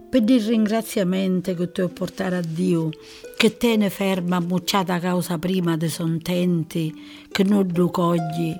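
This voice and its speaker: A grave middle-aged nobleman with a Sicilian accent, speaking in a solemn, pleading way, as a woman reader puts him on. His delivery is slow and measured. Faint music plays behind him. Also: fairly low pitch, creaky.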